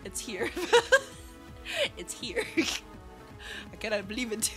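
With faint music in the background, a sick, congested streamer talks to her audience in a nasal, sing-song voice. Her pitch is fairly high, her tone fairly bright, and her pace slow as she giggles and chats playfully and affectionately.

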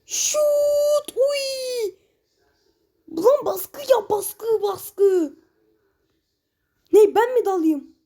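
A high, dark-toned woman commentating her own football video game session. She shouts at her players, groans when a pass fails and stretches her goal calls out long. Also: lively intonation, extremely slow, long pauses. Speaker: gameplay streamer.

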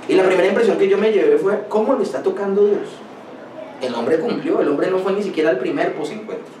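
High-voiced preaching man, echoey hall. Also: lively intonation, fast, a little mellow. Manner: emphatic preaching with rhetorical questions and personal anecdotes. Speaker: pastor. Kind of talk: sermon. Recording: echoey room, voice from a distance, faint noise.

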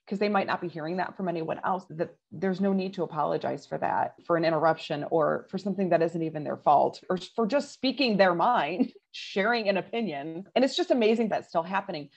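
A woman in her forties talks as an interview guest, earnest and emphatic, sometimes rushing through a thought. Her voice is low and husky. The audio is dull and lo-fi, like a remote recording. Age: 40s. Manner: earnest, emphatic, quick bursts. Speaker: leadership coach. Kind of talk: podcast interview.

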